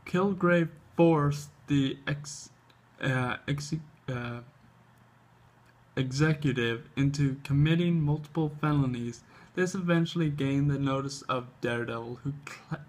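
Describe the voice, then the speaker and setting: A man hosting a comic book show, reading aloud haltingly with casual asides, his speech slightly tripped up by an overbite. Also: medium pitch, fairly even intonation. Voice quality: slight speech impediment from an overbite, tongue flicking at upper lip. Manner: halting reading, stumbles and repeats words.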